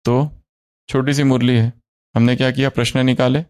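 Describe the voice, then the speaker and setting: A man's voice: medium pitch, level tone, moderate pace, a little mellow, clear, resonant tone. A man leading a spiritual study class, quizzing the group with questions and repeating their answers.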